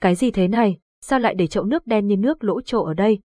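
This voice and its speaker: A woman's voice: medium pitch, fast, mellow, dry recording, natural voice. A woman voicing a young man just recovering from illness, faint and blunt with his friend. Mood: curious.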